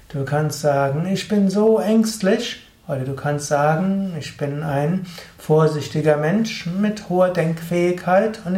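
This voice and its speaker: A man who is a yoga and spiritual teacher, giving a calm, measured talk and speaking straight to the listener. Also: a little high. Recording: roomy echo.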